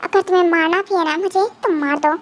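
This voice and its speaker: A woman's voice: very high voice, steady tone, fairly quick. A woman voicing a terrified male captive in a fan dub drama, stammering, crying and begging for mercy. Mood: defiant.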